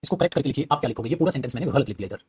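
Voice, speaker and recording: A man teaching an English grammar class, talking quickly and chattily and calling his students "beta". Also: mid-range voice, expressive, a little mellow, husky. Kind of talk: classroom grammar lesson in Hindi.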